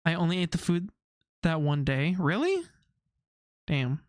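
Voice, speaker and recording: A man's voice: a little high, big pitch swings, measured pace, no room sound, clean studio sound. A young man streaming, chatting casually with his viewers, rambling off on tangents and laughing often.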